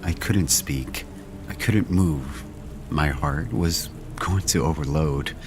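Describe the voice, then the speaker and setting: Extremely deep-voiced male horror narrator. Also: takes it slowly, background noise. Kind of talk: scripted first-person horror narration.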